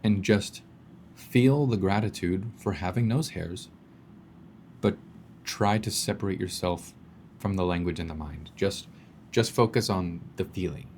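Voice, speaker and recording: Low-voiced man coaching casually. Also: measured pace, darkish tone, slight background noise. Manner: conversational, guides listener through exercises, occasional swearing. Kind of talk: casual spoken self-help talk.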